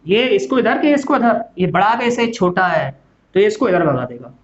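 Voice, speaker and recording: A man's voice: high-pitched, very animated, moderate pace. A man gives a classroom physics lecture, often asking a question and answering it himself. The recording is dull and lo-fi. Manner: asks and answers his own questions, calls students "beta". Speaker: physics teacher. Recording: dull lo-fi sound.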